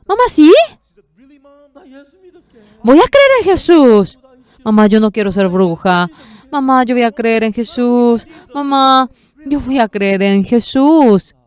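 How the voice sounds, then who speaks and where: A woman's voice: medium pitch, slow pace, pauses often, a little mellow, no room sound, natural voice. A woman voicing a frightened young girl. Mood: pleading. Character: frightened teenage girl pleading with her mother.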